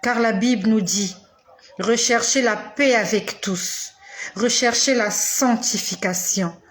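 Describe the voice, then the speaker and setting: Speaking directly to the listener, a woman in her forties delivers a sermon in a mid-range voice. She leans on slow, emphatic repetition and dramatic pauses.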